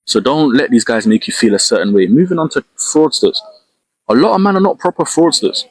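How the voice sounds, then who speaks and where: A man's voice: medium pitch, big pitch swings, a little fast, dry recording. A young man with a London accent giving blunt street-slang advice in a casual monologue clip. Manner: street slang, lecturing, emphatic. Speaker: social media creator.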